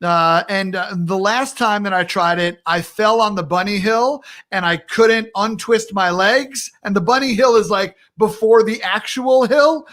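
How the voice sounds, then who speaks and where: Upbeat male live-stream host, high-pitched, playful and quick to laugh. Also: fairly bright tone. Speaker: talk show host. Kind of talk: casual live-stream chat. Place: home in Minneapolis.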